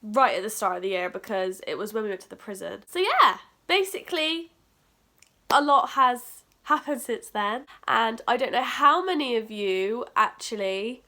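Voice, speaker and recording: Young female vlogger, bright higher voice, nasal and bunged up, chatty storytime delivery. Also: animated, normal speed. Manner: chatty, upbeat, jokey asides. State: congested, nasal from hay fever. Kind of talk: casual storytime chat to camera. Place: bedroom at home, indoors. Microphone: camera facing her.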